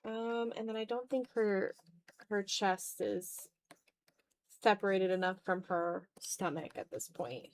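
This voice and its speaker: Chatting casually while she draws, a woman livestreamer thinks out loud in fragments and pokes fun at herself. Her voice is medium-pitched and slow, and the recording quality is poor.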